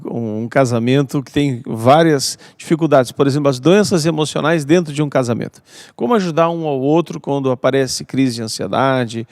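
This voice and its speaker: A Brazilian pastor hosts a church podcast, steering the conversation with short affirming remarks. His voice is mid-pitched for a man and sounds close and dry, with no room echo. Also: darkish tone. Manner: brief affirmations, leads the talk.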